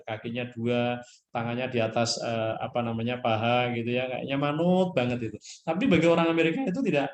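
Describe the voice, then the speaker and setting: Male lecturer, roomy echo. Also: mid-range voice. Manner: frequent "ya" tag questions, mixes English terms. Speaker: nursing lecturer. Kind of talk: university lecture.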